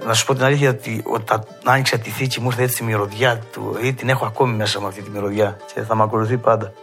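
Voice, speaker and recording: A man with a Cretan accent, a mandolin player telling stories from his past and acting out old conversations in a lively way. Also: on the low side, over music. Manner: lively storyteller who acts out past dialogue. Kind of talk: reminiscing storytelling.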